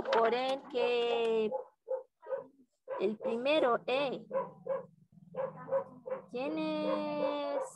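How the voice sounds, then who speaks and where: A young woman with a Brazilian Portuguese accent teaching a Portuguese lesson in Spanish, drawing out each letter sound slowly. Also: on the high side, very noisy. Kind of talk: slow language lesson.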